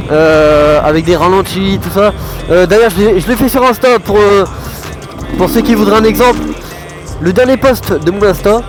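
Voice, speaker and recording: A young man chats casually in a raised voice inside a helmet while riding a motorbike. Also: sits high. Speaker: motorbike vlogger.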